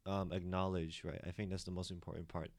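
A man from the United States, a participant in a group discussion, talks loosely and rambles, full of fillers and restarts. His voice is deep, his delivery flat and fairly quick, with no echo.

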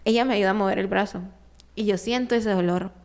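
Smooth-voiced woman telling a story. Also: medium pitch, a little fast. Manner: animated, laughing as she tells it, with many fillers. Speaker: guest telling a personal story. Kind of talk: casual conversational storytelling.

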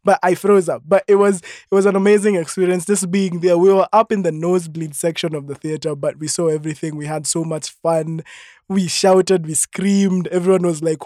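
Kenyan man, light higher voice, dry sound, upbeat and joking. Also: dry recording. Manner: lively, joking. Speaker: film actor. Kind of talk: casual interview.

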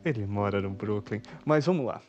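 A man's voice: on the low side, animated, moderate pace, darkish tone, dull audio. Guy cohosting a podcast, dry teasing jokes, reads out the news. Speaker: podcast co-host. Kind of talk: casual comedic news reading.

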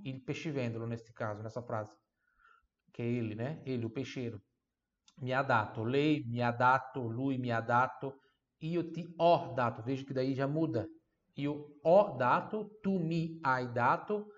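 A man teaching a language lesson in a patient, explanatory way, often slowing down to repeat example phrases. His voice sits at an ordinary middle pitch for a man. The recording sounds a little dull and lo-fi. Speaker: Italian teacher.

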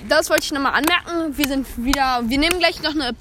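A woman's voice: sits high, fast, background noise. A young woman hosting a casual podcast chat, giggling often and steering the talk. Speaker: podcast host.

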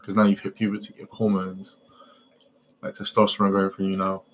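A man's voice: deep voice, monotone, a little fast, a little hiss or hum. A young man with a London roadman accent, talking casually with friends. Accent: London, urban street slang. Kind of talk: casual group chat.

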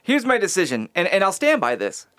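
Male podcast co-host, quick to argue and joke, slightly high voice, dry close mic. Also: no room sound. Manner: animated, joking, quick to argue. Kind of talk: casual chat.

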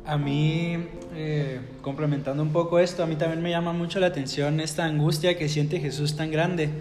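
A man on a faith podcast, adding a calm, measured reflection. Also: a little high, reverberant, in a large hall, soft background music. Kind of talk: reflective religious talk.

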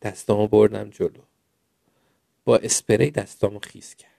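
Reading children's tales gently and expressively, this male narrator has a fairly low, creaky voice that sounds mellow and dark. The recording is close and dry, without any echo.

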